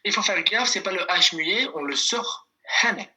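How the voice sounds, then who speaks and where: A man teaching a language class over a video call, speaking slowly and patiently, repeating phrases and calling on students by name. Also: high voice, animated, sharp tone.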